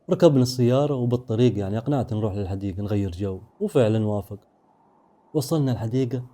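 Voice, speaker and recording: A man narrating a first-person horror story in a brisk, dramatic way. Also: lowish voice, mellow.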